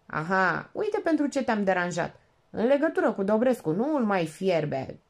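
A woman's voice: medium pitch, big pitch swings. A woman reading an audiobook, voicing a genial, fatherly older police colonel who talks in a friendly, coaxing way.

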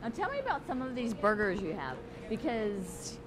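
Lively chatty woman interviewer. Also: on the high side, moderate pace, crowd noise. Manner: chatty, laughing, animated. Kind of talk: casual interview. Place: small restaurant with street noise.

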